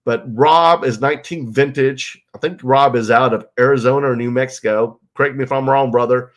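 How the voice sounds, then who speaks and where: A man with a mid-range, fairly even voice chats briskly on a livestream from his bedroom at home, reading viewer comments. He sounds nasal and congested from a cold, and his talk is loose and rambling, full of ums and you-knows.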